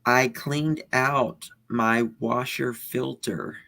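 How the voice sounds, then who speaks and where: A man's voice: mid-range voice, fairly even intonation, very slow, gravelly, pushed and bright. A man hosting in casual chat, matter-of-fact and terse, reading out the odd headline.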